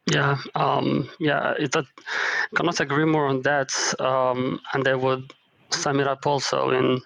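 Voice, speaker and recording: A man from Morocco answers podcast questions with many pauses and "um"s. His mid-range voice sounds close and dry, with no room echo. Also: medium pitch, level tone, gravelly, a bit bright, dull audio. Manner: hesitant, many "um" fillers and restarts. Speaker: guest, travel startup co-founder. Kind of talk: casual interview conversation.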